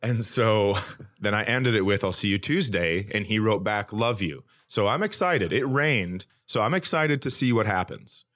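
Slightly low but fairly bright, this man's voice is animated and moves at a moderate pace. He's a forties-aged comedian and podcaster spinning casual funny stories, voicing the characters' lines with put-on swagger.

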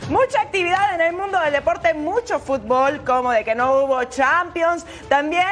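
High-pitched woman hosting a sports show. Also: lively intonation, normal speed, a bit bright. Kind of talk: lively presenting and match highlight narration.

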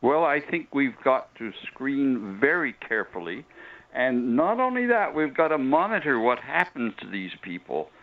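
A man speaking as a guest on a radio panel, in a deliberate way with frequent hesitations. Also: medium pitch, sing-song. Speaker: guest commentator. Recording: tinny phone line.

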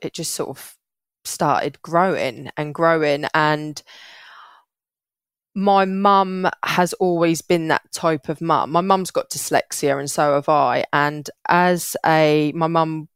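A young woman talks as an interview guest in an earnest, chatty way, often breaking off and restarting. Her voice sits low for a woman. The sound is close and dry. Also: slow pace, smooth, no room sound. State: getting emotional. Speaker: podcast guest, parenting hack creator. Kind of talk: casual interview chat.

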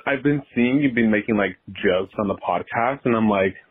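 A man leaving a recorded question as a caller, his voice deep and pitch-shifted like a voice changer, talking hesitantly with many ums and likes. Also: moderate pace, husky. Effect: sounds deep and pitch-shifted, like a voice changer. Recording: tinny phone-like voice message.

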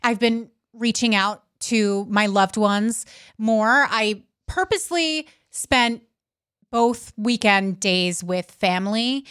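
A woman's voice: a little high, slow, fairly bright tone, clear, resonant tone. Chatty, candid woman podcast co-host. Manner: candid, swears freely, chatty. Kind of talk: casual chat.

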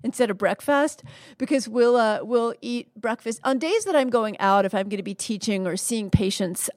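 A woman in her fifties hosts a podcast and talks through medical ideas in an articulate, brisk conversational way. Her voice is recorded close and very dry, with no room sound. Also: on the high side, a little mellow, no echo. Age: 50s. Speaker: podcast host and physician. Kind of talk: casual conversational interview.

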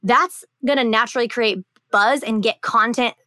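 A woman's voice: on the high side, normal speed, sharp tone, no echo. A woman co-hosting a business podcast in casual chat, talking loosely with lots of "like" and "um". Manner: chatty, heavy use of "like" and "um". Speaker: podcast co-host.

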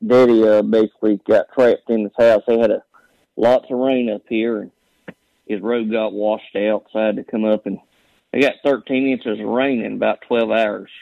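A man with a Southern Appalachian accent talks over a dull phone connection, chatting in a folksy, rambling storyteller's drawl. His voice is gravelly and sits close and dry, with a mid-range pitch. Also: level tone, normal speed, dark tone, no room sound. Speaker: phone-in caller. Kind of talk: casual chat. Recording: dull, band-limited phone call.

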